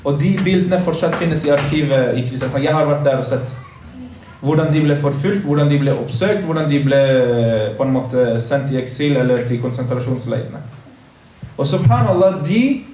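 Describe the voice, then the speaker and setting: Captured by a phone livestreaming from across a large carpeted mosque room, this man's slightly high voice has lively intonation but a dark tone, plus a little hiss or hum, all echoing with distance. He earnestly preaches a religious lesson to boys, repeating points to drive them home.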